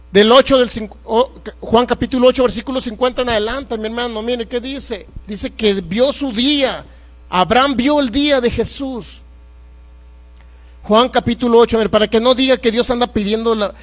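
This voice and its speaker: A man's voice: extremely high pitch, normal speed, fairly bright tone. A man preaching a sermon as pastor, emphatic and confrontational, firing rhetorical questions at the congregation.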